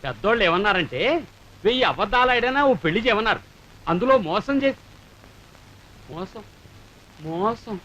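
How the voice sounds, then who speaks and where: A man's voice: sits high, expressive, normal speed, pauses often, muffled recording, slight background noise. An actor playing a scheming, blustering middle-aged father who mutters to himself while hatching a plan. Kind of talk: 1970s film acting. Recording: film soundtrack with loud music.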